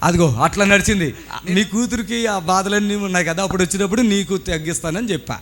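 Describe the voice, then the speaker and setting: A man's voice: high-pitched, fast, a bit bright. A man preaching as pastor at a healing service, fervent and exhorting, questioning people on stage.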